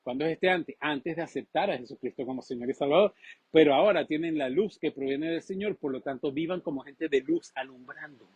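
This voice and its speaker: A man preaching a sermon with a husky voice, animated and acting out the voices he quotes. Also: a little high, dry recording. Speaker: pastor.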